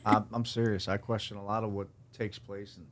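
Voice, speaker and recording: A man hosting a podcast, relaxed and upbeat, talking in a casual, slangy way with his guest. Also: lowish voice, a little fast, heavy background noise. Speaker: podcast host. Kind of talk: casual interview chat.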